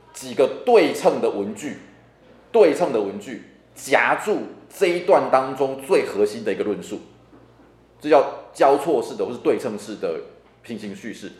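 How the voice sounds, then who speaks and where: In a church classroom, a deacon leads a spirited Bible lecture in a medium-pitched, darkish voice with a roomy sound. His delivery is conversational. He often repeats words to stress them.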